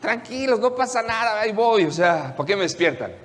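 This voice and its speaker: A preacher voicing a calm, unbothered Jesus. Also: male voice, high voice, moderate pace, long reverb tail, voice pushed up. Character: calm male Jesus, unbothered, gently chiding.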